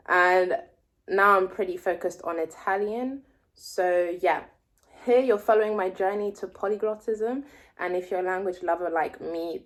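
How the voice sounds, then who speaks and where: In her language-learning vlog, a twenty-something native French speaker reads a passage slowly and explains it. Her voice is on the low side as she thinks aloud and takes guesses at unknown words.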